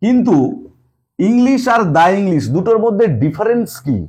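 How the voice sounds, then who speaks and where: A man's voice: high voice, expressive, normal speed, darkish tone. A male English teacher explaining a lesson, who asks rhetorical questions and repeats key points. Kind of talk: classroom-style lesson explanation.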